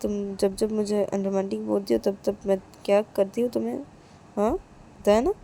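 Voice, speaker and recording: A woman's voice: medium pitch, steady tone, moderate pace, creaky, mellow, a little hiss or hum, natural voice. A woman voicing a touchy young wife in a story who stammers and accuses. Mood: threatening. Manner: accusing, stammers and repeats herself. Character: touchy young wife, quick to take offence. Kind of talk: storytelling with acted dialogue.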